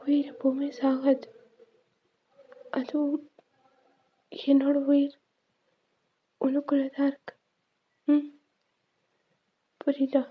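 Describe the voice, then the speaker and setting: Tender male ghost played by a woman, whispered role-play, soft reassuring manner, slow, flat melody. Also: sits high. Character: gentle male ghost comforting his grieving lover. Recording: tinny phone-like sound.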